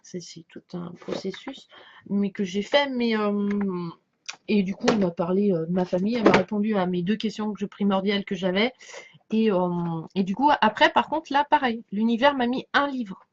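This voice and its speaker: A woman with a slight lisp chatting casually as a tarot reader, halting and circling back, often leaving thoughts unfinished. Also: mid-range voice. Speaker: tarot card reader giving a reading to followers. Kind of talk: casual rambling chat over a tarot spread. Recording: dull lo-fi sound.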